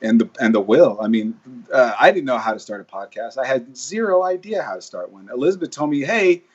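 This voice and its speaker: A man's voice: medium pitch, animated, a little fast, breathy edge, highs cut off. A man hosting a podcast in casual live-stream chat, blunt and joking, swearing casually. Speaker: podcast host.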